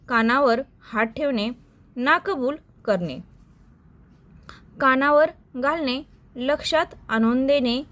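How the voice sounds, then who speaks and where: A woman teacher reciting a list of idioms and their meanings in a slow, dictation-like way for exam preparation. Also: sits high, a bit bright.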